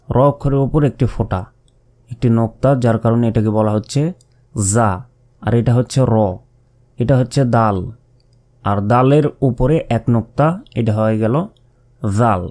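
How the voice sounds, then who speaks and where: This Arabic pronunciation teacher has a dark, steady, medium-pitched voice and moderate pace, leaving long pauses. He works slowly through the letters, holding and repeating each sound while explaining it with patience.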